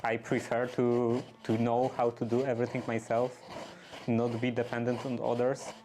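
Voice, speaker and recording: A man chatting casually and unscripted, halting and often searching for his words. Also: mid-range voice, monotone, background noise. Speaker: streamer doing workshop restoration.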